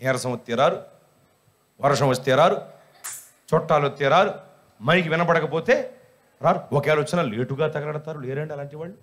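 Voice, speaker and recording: Man, pastor, high voice, animated sermon, teasing rhetorical questions. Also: a little fast, long pauses.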